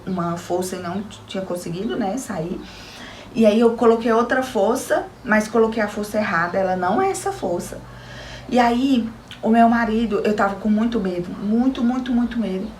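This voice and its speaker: This personal testimony comes from a young Brazilian new mother with a mid-range voice and a Brazilian Portuguese accent, who addresses her viewers earnestly and emotionally. The room echoes, and there's a little hiss or hum.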